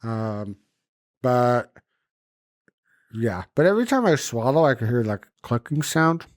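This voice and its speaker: A man's voice: medium pitch, animated, unhurried, no room sound, clean studio sound. A man chatting casually and cursing freely, his speech impeded and muffled by a swollen lip and splints in his mouth. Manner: loose, informal, frequent cursing. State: puffy swollen lip and banded jaw after surgery. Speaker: podcast host. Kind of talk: casual chat, recounting a personal experience.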